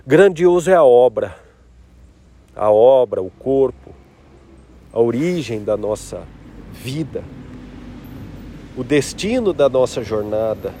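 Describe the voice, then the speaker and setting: Man, guided meditation, soft-spoken, reflective, very slow pace, warm mellow tone. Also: mid-range voice, lively intonation.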